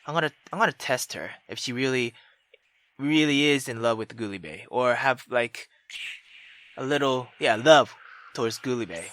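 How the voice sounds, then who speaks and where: A woman with a rumbling low voice, at a moderate pace, plays a visual novel. Between stretches of reading aloud, she offers casual, sweary reactions and hesitant thoughts.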